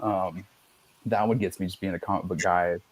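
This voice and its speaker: A man's voice: low voice, steady tone, moderate pace, crowd noise. A middle-aged man hosting a podcast, chatting casually in a loose, rambling way and swearing freely. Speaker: podcast host. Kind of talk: casual chat.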